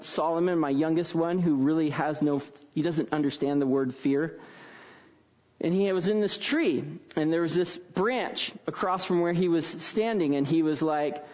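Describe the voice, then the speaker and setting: High-voiced man preaching casually. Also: darkish tone, muffled recording. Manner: casual, frequent tag questions. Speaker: pastor. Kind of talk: conversational sermon with storytelling.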